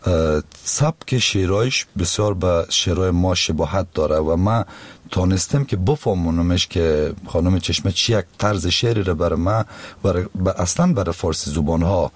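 A man's voice: deep voice, no room sound. A male singer with an Afghan Dari accent, talking reflectively in a casual interview.

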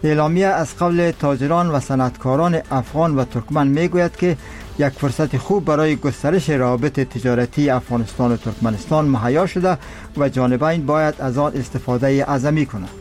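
A man with an Afghan accent reading a formal radio news bulletin in a measured delivery. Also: fairly high pitch, darkish tone, faint music behind. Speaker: radio newsreader.

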